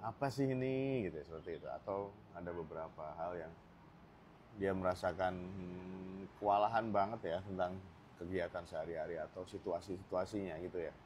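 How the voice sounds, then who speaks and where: A deep-voiced man chats easily to his viewers outdoors, hosting a mental health talk in a loose, filler-heavy way. Faint outdoor ambience hangs under his voice. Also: fairly quick, slight background noise. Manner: relaxed, chatty, with frequent fillers and asides. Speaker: mental health channel host. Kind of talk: casual talk to camera. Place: outdoors in sunlight.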